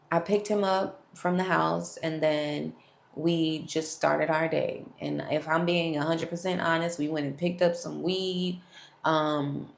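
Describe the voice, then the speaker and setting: Young woman, candid storyteller, talks to viewers, gravelly voice, echoey room. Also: deep voice. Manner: frank, talks straight to viewers. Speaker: vlogger sharing a testimony. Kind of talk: candid personal storytelling to camera.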